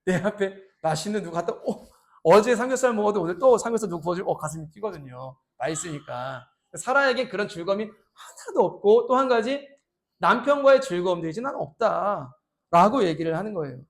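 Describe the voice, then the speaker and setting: Pastor in his thirties, male, high-pitched, lively sermon delivery that drops quiet then builds loud. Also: fairly quick. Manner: animated, acts out quoted voices with big swings in loudness.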